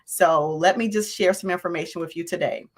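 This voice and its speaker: A woman with a raspy voice hosting a live stream, greeting viewers by name and repeating her points. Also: lowish voice, fairly quick. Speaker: host of a livestream on landlord and tenant topics.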